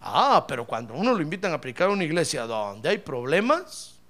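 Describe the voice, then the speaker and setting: A man preaching a lively, humorous sermon as a pastor, speaking fervently, crying out praise and often calling his listener brother. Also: on the high side, a little fast. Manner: fervent, jokes, cries out praise, keeps addressing "hermano".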